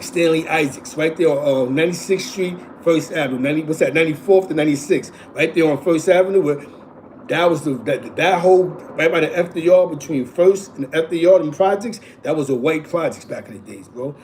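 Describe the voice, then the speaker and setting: New york guy in his 40s, kinda high voice, rambles and repeats himself, faint room hum behind. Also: a little mellow. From East Harlem, New York. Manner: rambling, repeats himself, constant "you know what I'm saying". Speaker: show host. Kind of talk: casual streetwise storytelling.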